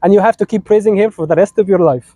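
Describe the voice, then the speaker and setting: Speaking very fast in a high-sitting voice with a dark tone, a young Egyptian wedding officiant is heard over slight background noise. A little illness has weakened his voice, but he stays playful, teasing and joking with the couple through a lively sermon delivered in both English and Arabic.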